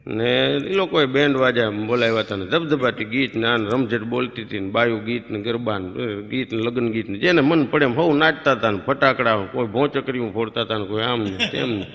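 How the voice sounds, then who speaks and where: A man telling a lively, rustic comic story on stage and acting out the voices of the people in it. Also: medium pitch, brisk, gravelly, few pauses. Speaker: stand-up comedian. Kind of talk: comic storytelling before a live audience. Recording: live stage recording in a reverberant hall.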